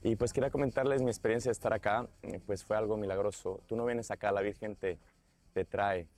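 A man's voice: fairly low pitch, fairly even intonation, a little fast, a little mellow. A man from Michoacán with a Mexican accent, telling the story of his pilgrimage in a rambling way with many restarts. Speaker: pilgrim giving testimony. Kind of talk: casual spoken testimony.

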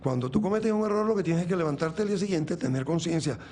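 A man from Venezuela in his sixties speaks as an interview guest, his voice sitting a little high for a man. He talks earnestly about faith, circling back and restarting his phrases often. A faint hiss runs under the recording. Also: expressive, fast talker, darkish tone. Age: 60s. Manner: earnest, rambling, many restarts. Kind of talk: reflective faith talk in an interview.

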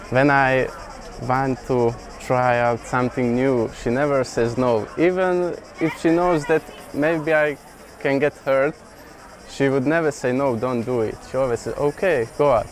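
A young man from Slovakia answering interview questions outdoors, hesitant with many pauses, earnest. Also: medium pitch, poor audio. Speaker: festival pilgrim.

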